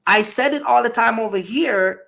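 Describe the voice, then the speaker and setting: Speaking at normal speed in a very high, creaky, bright voice with a forceful tone, this Jamaican channel host runs a casual podcast chat. He's emphatic and blunt, hammering points home by repeating them, all in his Jamaican accent.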